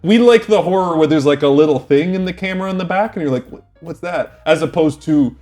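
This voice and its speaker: Opinionated man with a higher voice, chatting. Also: darkish tone, soft background music. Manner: blunt, laughs often, quick opinionated remarks. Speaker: podcast co-host. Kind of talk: casual film-review chat.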